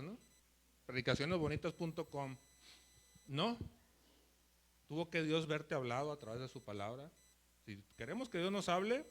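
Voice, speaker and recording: A man preaching a sermon in a church, animated and rambling, with many restarts and quick laughs. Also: fairly high pitch. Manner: laughs between phrases.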